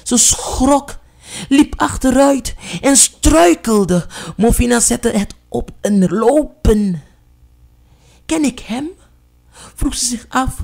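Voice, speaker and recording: A storyteller reading a storybook aloud with drama, dropping low and soft at tense moments. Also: vocal fry.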